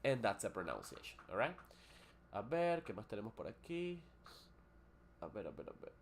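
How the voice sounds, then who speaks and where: A man's voice: fairly low pitch, very animated, moderate pace, a little hiss or hum. Man teaching English on a live stream. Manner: switches between Spanish and English, explains pronunciation with hesitant fillers.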